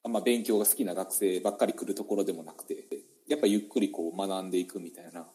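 Kansai guy, teacher guest, talks quick, low mellow voice, lots of "ano"s. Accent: Kansai Japanese. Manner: chatty, many fillers, mindful of speaking slowly. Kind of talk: casual interview talk.

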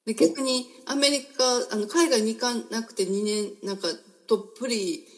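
A host with a Kansai accent leading a casual interview, chatty and teasing, with halting restarts. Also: medium pitch. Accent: Kansai Japanese.

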